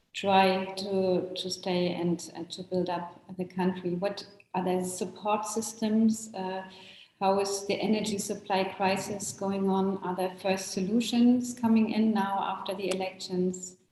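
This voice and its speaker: A woman hosting an interview, asking polite, measured questions. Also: medium pitch, warm tone, a little hiss or hum. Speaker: interviewer, host. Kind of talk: moderated panel questions. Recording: echoey room.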